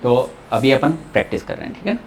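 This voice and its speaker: A man teaching a beginners' language class, repeating each word slowly so the students can echo it. His pitch moves a lot as he coaxes them along. Faint noise sits under the recording. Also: sing-song, creaky. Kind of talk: classroom lesson in Hindi-English mix.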